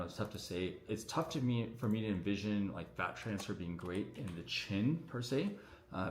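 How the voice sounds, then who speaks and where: A man, a doctor, answering viewer questions on a casual livestream in a relaxed, chatty way full of fillers, his voice echoing around the room. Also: low-pitched. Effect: echoing room sound on the stream. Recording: echoey room audio on a livestream.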